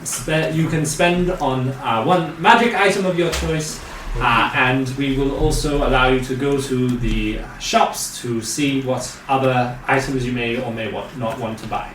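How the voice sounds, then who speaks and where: A man playing a businesslike male recruiting officer who briefs new recruits, with frequent hesitant "uh" pauses. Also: medium pitch, fairly bright tone, lightly acted. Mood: briefing. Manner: measured, many "uh" pauses. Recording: roomy, distant mic, faint noise.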